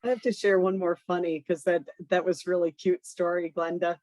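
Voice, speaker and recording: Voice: medium pitch, level tone, moderate pace, a little mellow, dry recording. Speaker from California, chatty and effusive friend, mid-range voice, dry close sound. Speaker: friend giving a tribute. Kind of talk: remembrance storytelling.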